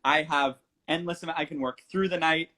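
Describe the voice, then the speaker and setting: Animated young man, higher voice. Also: a crowd in the background. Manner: animated, talks fast with restarts and acted-out quotes. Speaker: musician guest. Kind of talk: casual interview over a livestream.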